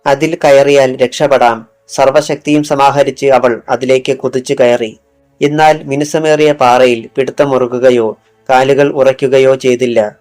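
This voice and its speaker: Guy reading a thriller audiobook, medium pitch, goes quieter on the dialogue, faint music behind. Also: flat delivery, a little slow. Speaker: audiobook narrator. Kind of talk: scripted narration.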